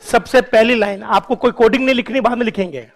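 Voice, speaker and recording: A man teaching a classroom lecture, drilling key points slowly, repeating them and quizzing students with questions while urging them on. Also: extremely high pitch. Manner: coaxing and encouraging toward students.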